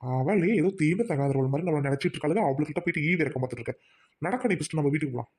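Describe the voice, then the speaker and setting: A woman plays a bold, defiant village mother in a comedy skit, her voice low. She speaks fast and bluntly. She has a rural Trichy Tamil accent. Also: lively intonation, darkish tone, breathy edge. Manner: blunt, outspoken, quick-talking.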